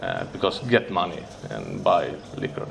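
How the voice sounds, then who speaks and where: This Swedish-accented man, whose first language is Swedish, tells of his recovery at a meeting, halting and nervous as he reaches for English words. His voice sits low and sing-song, with vocal fry and a slightly bright tone. A little hiss or hum is present.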